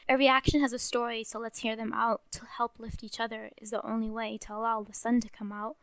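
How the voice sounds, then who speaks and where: A woman performing a spoken word poem in a rhythmic, rhyming delivery, dropping at times to a soft whisper. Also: a little high, low-quality recording.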